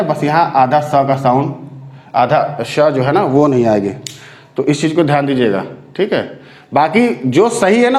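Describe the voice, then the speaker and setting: A man's voice: fairly high pitch, a little mellow. A male teacher giving an exam-prep spelling lesson. He explains patiently, repeats each word, and keeps asking his students whether they have understood. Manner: explains patiently, repeats words and asks the class questions. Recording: echoey room.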